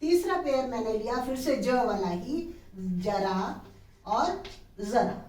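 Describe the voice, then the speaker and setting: A middle-aged woman teacher with a slightly high voice takes her grammar lesson very slowly. She stretches out words for students to copy and keeps checking whether they follow. She sits back from the mic, and the room echoes around her. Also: animated, darkish tone, recorded from a distance. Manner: slow, drawn-out word-by-word pronunciation drills; checks in with students, asking "clear?". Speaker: Hindi teacher.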